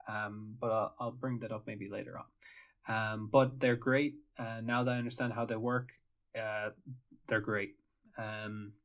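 A man talks through his solo podcast in a loose, meandering way, drifting into tangents and leaning on plenty of fillers. His voice sits at an ordinary middle pitch. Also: a bit bright. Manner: rambling, tangent-prone, many fillers. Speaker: podcast host. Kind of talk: casual solo podcast monologue.

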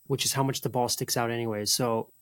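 A man with a medium-pitched voice, recorded dry and close. He chats casually as a machinist, thinking aloud through the order of his work. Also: steady tone, fast, dry recording. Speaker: machinist making folding knives. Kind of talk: casual shop talk.

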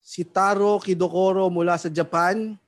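A male podcast host introduces guests in a casual chat. His voice sits high for a man. He talks in a playful, teasing way. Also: fairly even intonation, normal speed.

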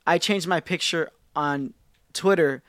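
A man's voice: on the high side, unhurried, fairly bright tone, dry recording, clean studio sound. A man hosting a podcast in casual, profane chat. He often cuts in and steers the talk. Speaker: podcast host.

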